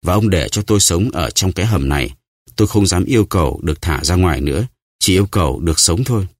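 A man's voice: low voice, lively intonation, fast, dry recording, studio quality. A man voicing a desperate, starving male prisoner who stammers and pleads, in an audiobook. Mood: pleading. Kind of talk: audiobook character voice.

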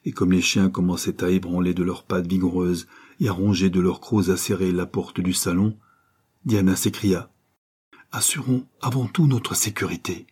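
Low dark voice, bit husky, guy reading an old adventure novel slow and dramatic. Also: flat delivery. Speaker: audiobook narrator. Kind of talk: scripted storybook narration.

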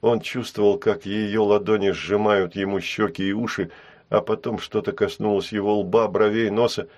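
A man narrating an audiobook in an even, measured reading. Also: on the low side.

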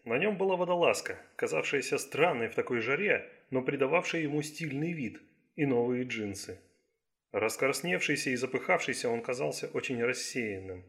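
A man reading an audiobook in a steady, even scripted narration. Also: mid-range voice, moderate pace.

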